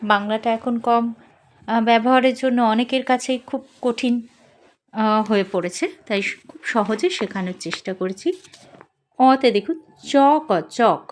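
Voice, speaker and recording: A woman's voice: a little high, moderate pace, long pauses. A woman teaching spelling, patiently sounding out and repeating each syllable. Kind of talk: slow instructional lesson.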